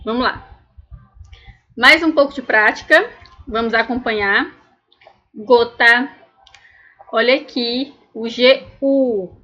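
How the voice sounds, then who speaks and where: A woman's voice: fairly high pitch, a little slow, bright, forceful tone, lo-fi sound. A woman teaching a recorded language lesson, patiently explaining and drilling words one at a time. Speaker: Spanish teacher.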